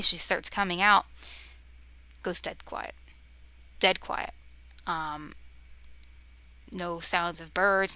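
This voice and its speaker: A woman's voice: lowish voice, creaky, bright, forceful tone, dry recording. A young woman vlogger telling spooky stories to a cheap camera mic at home, rambling with many fillers and often dropping to a whisper. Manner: easily distracted, talks to her cat. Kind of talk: casual storytelling to camera. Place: bedroom near a road, windows open.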